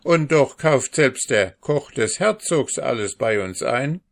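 A man's voice: medium pitch, expressive, slow pace, gravelly, voice pushed up. A man voicing a bold young market boy who scolds in an indignant tone in a storybook reading.

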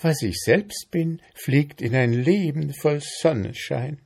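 A man voicing a carefree female mayfly in a storybook reading, speaking softly and wistfully. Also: fairly high pitch, creaky, husky, voice pushed up, heavily acted. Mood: dreamy. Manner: soft, wistful, unhurried.

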